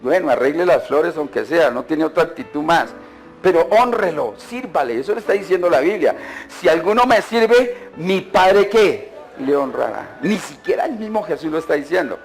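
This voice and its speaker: A man's voice: a little high, lively intonation, brisk, vocal fry, soft background music. Man preaching with probing questions. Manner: acts out churchgoers in mocking voices. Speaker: pastor. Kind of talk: sermon. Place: church.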